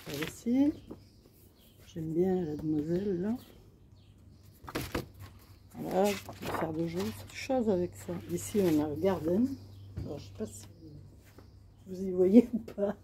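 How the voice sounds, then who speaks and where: A woman with a fairly low voice talks at a measured pace, pausing often, as she presents her craft haul outdoors in the sun. Speaking casually to her phone camera with plenty of fillers and hesitations, she's a crafting vlogger, and the background is noisy.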